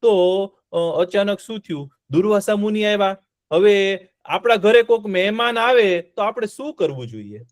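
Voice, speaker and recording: A man telling a story to children, animated, asking them questions and repeating words. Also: high voice, normal speed, no echo, clean studio sound.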